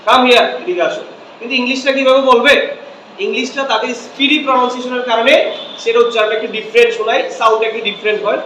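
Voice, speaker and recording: A man teaches a lesson in a high, bright voice, posing questions to his students and answering them himself. He is recorded from a distance in an echoey room with a faint hum behind him. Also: fairly even intonation, rapid-fire. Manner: switches between Bengali and English. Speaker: English teacher. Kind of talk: classroom lecture.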